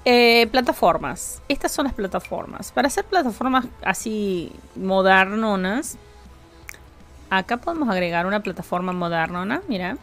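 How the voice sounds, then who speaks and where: A woman's voice: medium pitch, lively intonation, moderate pace, a bit bright, soft background music. A woman with a Rioplatense Spanish accent, chatting casually with her live-stream chat while building in a game, jokey and talkative.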